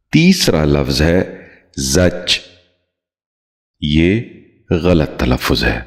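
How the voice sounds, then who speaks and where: A man giving a scripted pronunciation lesson, speaking slowly and formally and repeating each word with care. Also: sits low. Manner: formal courteous address. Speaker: Urdu pronunciation teacher.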